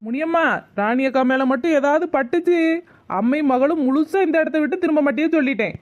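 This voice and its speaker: A woman's voice: high-pitched, a little fast, darkish tone, highs cut off, lightly acted. A woman voicing a loyal young village woman in a cartoon, reassuring and firm.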